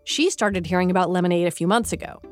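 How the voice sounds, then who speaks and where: A woman's voice: fairly low pitch, fast, faint music behind. A woman hosting a podcast, reading scripted journalistic narration. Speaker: podcast host.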